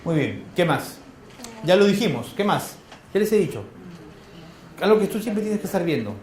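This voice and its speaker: A man with a Peruvian accent giving a classroom lecture, firing quick questions at his students in a colloquial way. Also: high voice, very animated, a little mellow, a little hiss or hum. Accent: Peruvian Spanish. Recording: echoey classroom.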